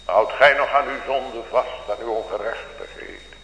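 A man's voice: medium pitch, normal speed, a bit bright, lo-fi sound. A male pastor preaching a sermon to his congregation with fervent, old-fashioned biblical phrasing. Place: church. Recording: echoey church hall with faint hum.

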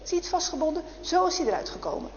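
A woman voicing a male executioner who calmly points out how a prisoner escaped. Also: very high-pitched, racing, roomy sound, long reverb tail, lo-fi sound, a little hiss or hum, voice pushed up, full character voice. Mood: explaining. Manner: explaining, pointing things out. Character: matter-of-fact male executioner.

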